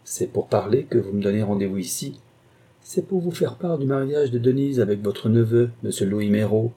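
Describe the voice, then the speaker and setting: A man's voice: mid-range voice, normal speed, mellow, slightly rough, natural voice. A man reading an audiobook voices a scheming, cold-headed woman with a cool, cutting, sarcastic manner.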